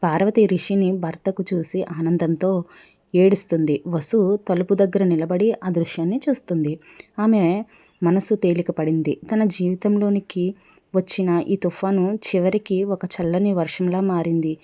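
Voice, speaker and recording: Woman reading a family drama story out loud, soft mellow tone, does the dialogue too. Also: on the low side, fairly even intonation, unhurried. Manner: emotional, voices the characters' dialogue herself. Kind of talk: read-aloud story narration.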